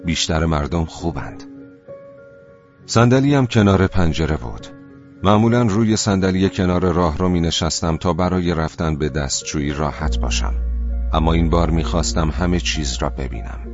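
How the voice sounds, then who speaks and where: A man narrating an audiobook in a calm, reflective first-person voice. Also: low voice. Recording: muffled audiobook recording with faint music.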